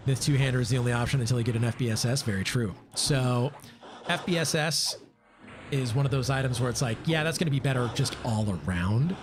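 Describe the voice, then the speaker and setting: A man's voice: medium pitch, brisk, background noise. A man streaming live gameplay, chatting casually, thinking aloud and answering chat with lots of fillers. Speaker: game streamer.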